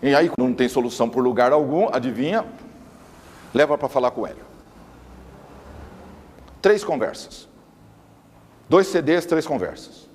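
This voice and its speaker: A man's voice: mid-range voice, a little fast, husky. A man giving an emphatic lecture, often repeating words for stress. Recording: long reverb of a hall.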